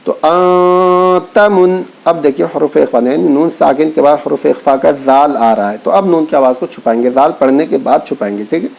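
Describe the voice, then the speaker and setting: Gravelly guy w/ ish teaching quran reading, slow drawn-out syllables, mellow tone. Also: fairly high pitch, rough recording. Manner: patient, repeats points, stretches syllables when reciting. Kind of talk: teaching lesson, spelling out letters.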